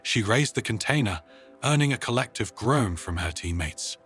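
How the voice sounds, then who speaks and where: Over soft background music, a man narrates a scripted story. His voice is on the low side yet fairly bright, with lively intonation and a moderate pace.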